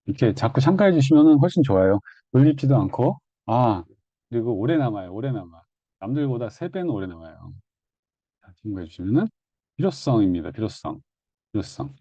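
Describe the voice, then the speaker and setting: A man's voice: mid-range voice, big pitch swings, fairly quick, dark tone, no echo, lo-fi sound. A man giving an online exam-prep lecture in a conversational, repetitive teaching manner, often correcting himself mid-phrase.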